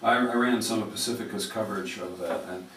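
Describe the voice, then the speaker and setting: A man working as a public radio host, interviewing conversationally in halting, rambling phrases. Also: on the low side, a bit bright. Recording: roomy, distant, noisy radio interview.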